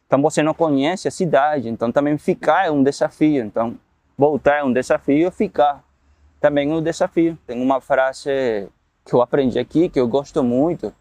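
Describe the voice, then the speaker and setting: A man with a somewhat high voice speaks in a documentary interview about refugee work at a university. He reasons aloud in a measured, reflective way, recorded dry and close with no room sound. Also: darkish tone, no echo. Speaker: university refugee program worker.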